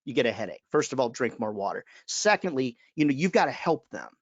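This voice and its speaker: A man's voice: medium pitch, very animated, brisk, breathy edge, no room sound, lo-fi sound. A man, giving an emphatic webinar talk as a sales trainer and calling his listeners friends. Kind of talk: webinar presentation.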